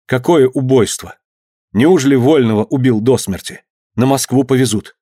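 A man's voice: medium pitch, moderate pace, warm tone, husky, dry recording, clean studio sound, pitched above the performer's own voice, lightly acted. A man reading an audiobook and voicing a frightened young wife who speaks anxiously. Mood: worried. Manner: anxious, plaintive.

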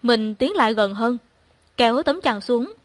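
A young woman narrating a first-person story in a calm, even voice. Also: on the high side, a little slow, dry recording.

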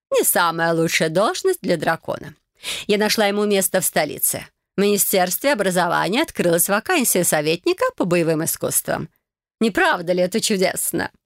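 A woman's voice: on the low side, animated, moderate pace, no echo, clean studio sound. A woman voicing a bossy, effusive mother who talks over everyone in an audiobook. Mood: gushing. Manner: effusive, steamrolling, chatters on. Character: gushing bossy mother planning a wedding. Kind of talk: audiobook character voice.

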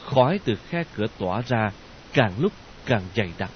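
Man narrating audiobook, very lively pitch, expressive, dull lo-fi sound. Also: moderate pace, very noisy. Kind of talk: storytelling narration.

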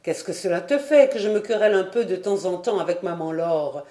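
A woman's voice: lowish voice, dark tone, roomy sound, lightly acted. A woman voicing a breezy, proud middle-aged painter father in a storybook reading. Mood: consoling. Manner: light, brisk, then cold and clipped.

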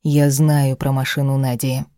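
A cruel husband from an audiobook snaps his threats harshly, read by a woman. His voice is low and dark. The recording is dry and close. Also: level tone, a little slow, no echo. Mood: harsh anger. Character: cruel angry husband, a grown man. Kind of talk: audiobook character reading.

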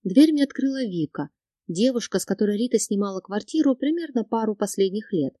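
A woman reading a first-person audiobook with steady, expressive narration. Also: medium pitch, fairly quick, husky, dry recording, studio quality.

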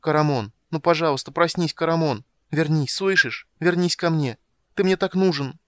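A gentle young woman, pleading tenderly and insistently, as a male audiobook reader puts her on. The voice is lifted well above the reader's own and stays soft in manner. The sound is dry and close. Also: fairly high pitch, normal speed, no room sound, pitched above the performer's own voice, natural voice.

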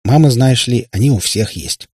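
A man's voice: medium pitch, moderate pace, dark tone, breathy edge, no room sound, clean studio sound, voice pushed up, lightly acted. A man voicing a sad warlock father who rambles in pompous explanations. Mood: weary. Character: male warlock father, sad and long-winded.

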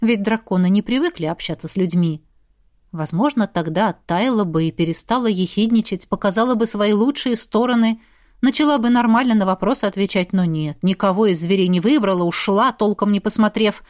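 A woman reading a novel aloud in a steady, even storytelling manner. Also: mid-range voice, brisk, no echo, studio quality. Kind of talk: audiobook narration.

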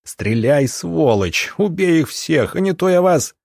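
A man's voice: on the high side, big pitch swings, unhurried, gravelly, a little mellow, no echo, studio quality, pitched above the performer's own voice, full character voice. A man voicing a wounded revolutionary ringleader in an audiobook, snarling and barking orders. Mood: furious.

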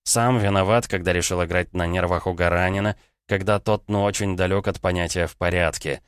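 Male narrator, audiobook, first person, measured, smooth voice, dry close mic. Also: low voice, fairly even intonation, dry recording.

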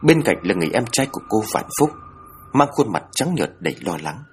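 A man's voice: fairly low pitch, big pitch swings, fairly quick, a little hiss or hum. A man narrating a horror story in a dramatic storytelling style.

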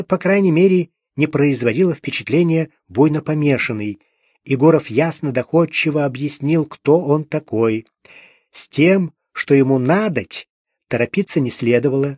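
A man's voice: a little high, darkish tone, breathy edge, no echo. A man narrating an audiobook detective story with dry, wry irony. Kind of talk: scripted narration.

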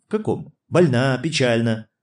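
A man's voice: medium pitch, animated, normal speed, darkish tone, natural voice. A man reading an audiobook, voicing a boisterous, laughing older prince who exclaims and teases. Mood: impatient. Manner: exclaiming, guffawing, teasing. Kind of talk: audiobook character voice.

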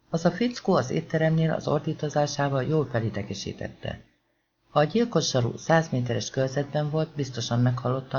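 A man narrating an audiobook in a steady, measured reading. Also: mid-range voice. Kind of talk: scripted narration. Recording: slightly dull lo-fi recording with faint hiss.

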